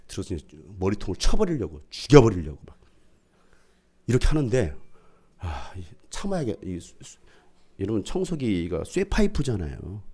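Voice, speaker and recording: Dramatic middle-aged Korean pastor preaching. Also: male voice, on the low side, slightly rough. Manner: dramatic, swings from loud proclaiming to hushed storytelling. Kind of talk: sermon.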